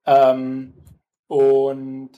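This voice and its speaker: A man's voice: mid-range voice, monotone, extremely slow, highs cut off. A man co-hosting a podcast in casual conversation, hesitant and full of fillers. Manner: hesitant, many fillers, mimics other voices for quotes. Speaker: podcast co-host.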